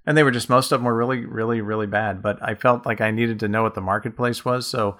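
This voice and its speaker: Bright-toned low male podcast author. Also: fairly even intonation, fast. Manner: long rambling reflective storytelling. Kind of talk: casual podcast conversation.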